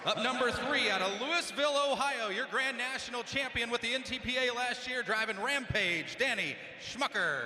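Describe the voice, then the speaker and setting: Very high-pitched male tractor pull announcer. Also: moderate pace, hardly any pauses. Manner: projected, formal introductions. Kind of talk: live arena announcing of a competitor lineup. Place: large indoor arena. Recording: echoey arena PA, crowd and noise. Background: crowd and arena noise.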